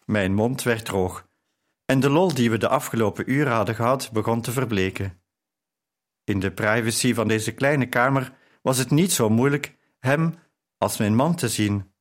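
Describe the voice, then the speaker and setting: A man narrating an audiobook chapter in a measured storytelling voice. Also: medium pitch. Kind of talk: scripted narration.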